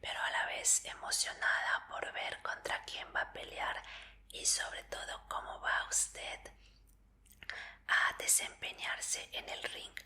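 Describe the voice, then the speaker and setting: In an ASMR roleplay, a woman plays a medical examiner, speaking slowly in a breathy whisper. Her manner is gentle, polite, and reassuring.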